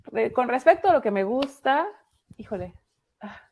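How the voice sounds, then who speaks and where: Mexican woman writer, husky and gravelly, chatty guest on a video call, lots of fillers. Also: on the high side, expressive, moderate pace, a little mellow, slight background noise. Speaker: author, interview guest. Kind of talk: casual interview over video call. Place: dark home room at night.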